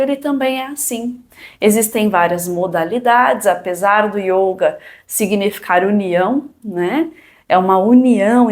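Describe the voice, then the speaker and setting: A woman with a Brazilian accent leading a yoga and meditation class in a calm, gentle, soothing manner. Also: on the high side. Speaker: yoga instructor.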